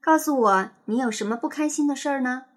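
Lady doing a soft patient teacher asking the kids questions, husky, quick. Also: high-pitched. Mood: coaxing. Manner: coaxing, questioning children. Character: gentle kindergarten teacher woman, patient.

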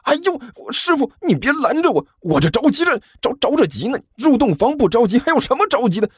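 A man's voice: sits high, sing-song, normal speed, a little mellow, breathy edge, no room sound, voice pushed up, exaggerated voice. A man voicing a young male disciple who is brash, impatient and whiny, complaining indignantly in a storytelling narration. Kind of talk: storytelling narration with character voices.

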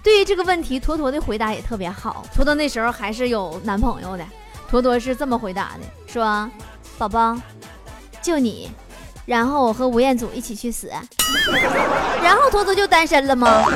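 A woman hosting a comic storytelling show, teasing her listeners and laughing at her own jokes. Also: high-pitched. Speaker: host.

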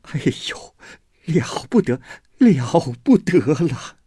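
A man reading aloud voices a flustered old female servant who talks in a frantic, high, wailing way. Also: sing-song, slow, husky, no room sound, clean studio sound, full character voice. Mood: panicked.

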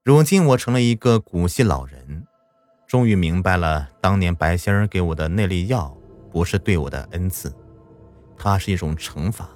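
A man's voice: low-pitched, lively intonation, normal speed, a little mellow, faint music behind. A man narrating a first-person story in a plain, reflective way.

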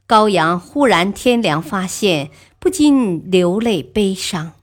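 A woman narrating a historical story expressively, often opening quoted speech with a soft "ah". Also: medium pitch, lively intonation, takes it slowly.

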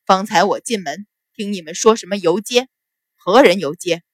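A woman voicing a stern middle-aged nobleman and father who questions his family gruffly. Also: mid-range voice, normal speed, no room sound, clean studio sound, close to an everyday voice. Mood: reproachful.

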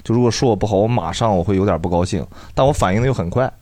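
A man's voice: lowish voice, a little mellow, no echo. A man in his thirties on a comedy podcast, telling self-mocking stories about arguing with his girlfriend. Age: 30s. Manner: quick, self-mocking storytelling. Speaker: podcast co-host. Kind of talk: casual comedy podcast chat.

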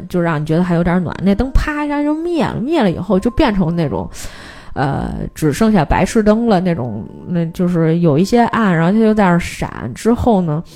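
A woman hosts a film podcast. She retells a movie plot in a casual, animated way and acts out the characters' lines. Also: lowish voice, normal speed.

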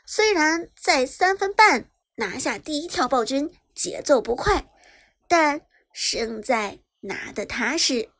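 A woman narrating a web novel chapter in brisk storytelling style, lifting her voice on the action. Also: high voice, expressive, a bit bright. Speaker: audiobook narrator. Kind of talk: scripted narration.

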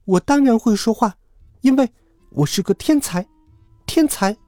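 A man's voice: very high-pitched, animated, moderate pace, darkish tone, no echo, voice pushed up. A man voicing a cheeky hero who fakes a baby's cute, babyish voice. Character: cheeky invisible hero mimicking a baby. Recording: dry close recording with faint music.

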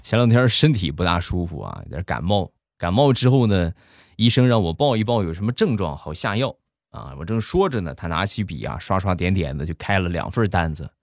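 A man's voice: low voice, big pitch swings, a little fast, dry recording, clean studio sound, faint music behind. Chatty man telling comic anecdotes. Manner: chatty punchline delivery. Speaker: comedy storyteller.

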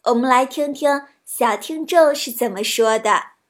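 A woman reading children's stories aloud, in a gentle storybook narration with a soft delivery. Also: high-pitched, measured pace.

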